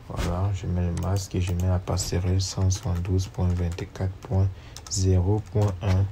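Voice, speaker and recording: A man with a cold, working as a networking instructor, narrates a step-by-step screen-recorded tutorial, announcing each command and spelling out numbers as he types. His voice sits low with a dark tone, and there's slight background noise.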